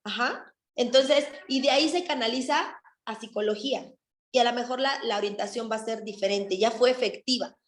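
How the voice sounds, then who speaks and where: A woman's voice: on the high side, normal speed, echoey room. A woman teaching a nursing class, talking conversationally and often adding tag questions. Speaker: nursing instructor. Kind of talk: classroom lecture with anecdotes.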